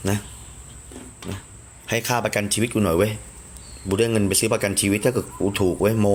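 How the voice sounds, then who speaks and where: A man chatting casually on a live stream, crude and talkative, jumping to a higher voice when he quotes others. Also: fairly even intonation, a little fast, a little hiss or hum.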